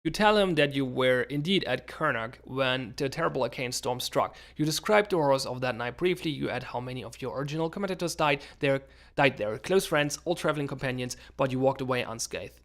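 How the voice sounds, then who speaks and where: A man's voice: mid-range voice, animated, brisk, fairly bright tone. A man hosting a gaming channel, reading story text aloud and breaking off into casual, wry commentary. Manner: conversational, self-interrupting, wry asides.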